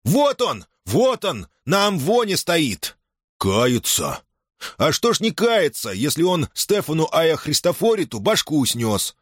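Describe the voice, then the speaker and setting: Shrill, excited townsmen jostle and bicker in a packed crowd, as a male reader puts them on in an audiobook. Their voices leap high and swing wildly, dry and close with no room around them. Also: measured pace, dry recording. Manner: excited, jostling, quarrelsome exclamations. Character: agitated townsmen in a shouting crowd.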